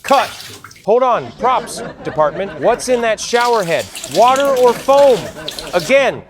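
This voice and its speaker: A man's voice: very high-pitched, sing-song, a little slow, crowd noise. A man playing a film director on set, calling cut and again in a bossy, exasperated way. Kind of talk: scripted comedic narration.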